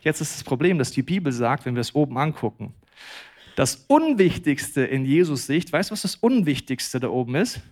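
A man delivers a church sermon in speech. His voice sits fairly high, and he swings from quiet, intimate lines to loud, emphatic bursts. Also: sing-song, moderate pace. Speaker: pastor.

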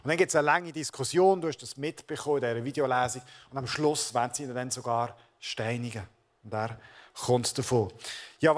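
Pastor, male, mid-pitched voice; earnest sermon aimed straight at the congregation. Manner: earnest, addresses listeners directly as du.

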